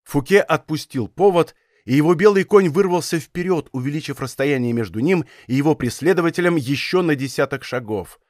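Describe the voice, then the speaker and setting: Reading an adventure novel, a male audiobook narrator delivers scripted narration in a measured, dramatic style that builds the tension of a chase. His voice is a little high for a man, with a darkish tone, recorded close and dry in a studio with no echo or room sound.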